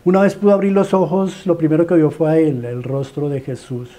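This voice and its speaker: A Colombian man preaching in a fairly high voice with a mellow, warm tone. He tells the story dramatically and pleads with his listeners, piling up rhetorical questions and repeating his phrases. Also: fairly even intonation, a little fast.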